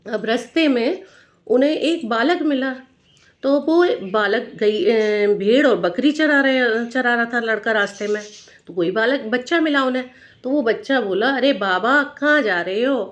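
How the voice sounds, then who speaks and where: A woman's voice: on the high side, measured pace. A woman with a Braj accent telling a devotional folk story, repeating phrases and stopping to explain local words.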